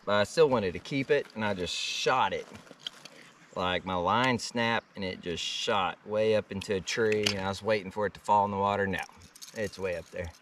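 Recorded by an action camera fixed to his kayak, a man fishes on a river and talks easygoingly in slang for his vlog. His fairly low, somewhat bright voice moves at a normal speed, with slight background noise and moments where he sounds distant.

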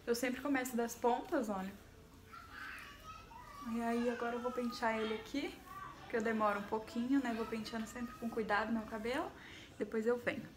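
A woman's voice: a little high, fairly even intonation, normal speed, pauses often, noisy background. Nervous chatty Brazilian woman vlogging. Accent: Brazilian Portuguese. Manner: nervous, chatty, talks to viewers as "gente". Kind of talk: casual vlog chat to camera. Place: home, bathroom area. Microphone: phone camera set down nearby.

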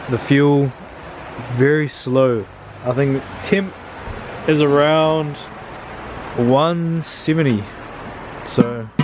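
A man's voice: on the high side, noisy background. A young man, talking casually and swearing loosely while filming himself cooking at a backyard grill and in a kitchen, holding the camera close. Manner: laid-back, slangy, swears casually. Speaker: cooking vlogger.

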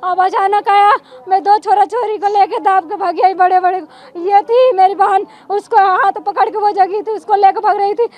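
A woman in her twenties, a survivor, giving a distressed, halting account to a reporter outdoors. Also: extremely high pitch, fairly even intonation, darkish tone. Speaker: survivor interviewed. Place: outdoors in a crowded lane. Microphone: handheld news mics.

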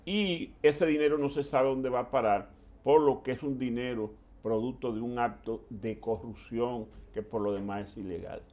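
An older man hosting political commentary in a TV studio, speaking in a measured, deliberate way. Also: mid-range voice, fairly even intonation, darkish tone, muffled recording. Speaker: TV commentary host.

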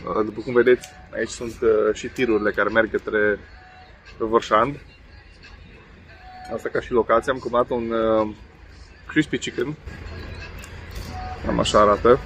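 This fairly low-pitched man pauses often as he eats and casually reviews food outdoors, a Romanian vlogger in his thirties. His chat is relaxed and filler-heavy. He's at a table next to a main road with a camera set in front of him, and faint traffic noise and outdoor ambience come through.

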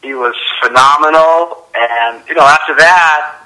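A man heard over a tinny speakerphone line, his voice very bright and sharp. He rambles easily, leaning on "you know" and "uh" as he goes. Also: a little high, unhurried. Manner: relaxed, rambling, lots of fillers. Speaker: caller. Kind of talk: casual phone chat.

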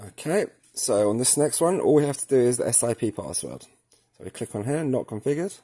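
A husky, dark-toned man with a medium-pitched voice and big pitch swings narrates a product tutorial a little fast. He works with his hands at an indoor table, filmed along with the device, informally thinking aloud through each step.

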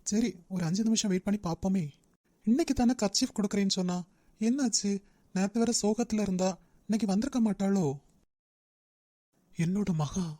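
A woman voicing a strict young male company manager in a cartoon, who talks in a brisk, lecturing way. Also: mid-range voice, dark tone, no room sound, studio quality, natural voice. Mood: wistful. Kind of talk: Tamil cartoon dub.

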